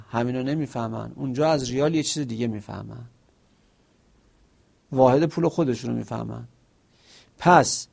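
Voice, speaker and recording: A man's voice: mid-range voice, creaky, a little mellow. A man teaching a seminary lesson. He explains with examples, asks himself questions and quotes short Arabic phrases. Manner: quotes Arabic phrases within Persian speech.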